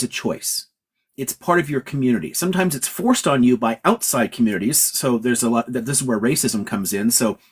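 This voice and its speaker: A man's voice: medium pitch, slightly rough. A man from California, a professor hosting a livestream Q&A, explaining ideas emphatically in a lecturing way and swearing casually. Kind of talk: livestream lecture-style chat.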